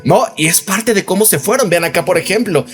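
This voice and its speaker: A man's voice: high voice, expressive, fairly quick, fairly bright tone, soft background music. A Mexican man in his thirties hosting a casual commentary video, rambling and tossing in tag questions. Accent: Mexican Spanish. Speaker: commentary channel host.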